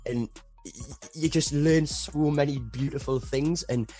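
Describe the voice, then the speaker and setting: On a podcast, a young English rapper talks through a relaxed interview in an earnest, reflective way, using "me" for "my." His English-accented voice runs on the high side with a dark tone, and he speaks a little slowly over faint background music.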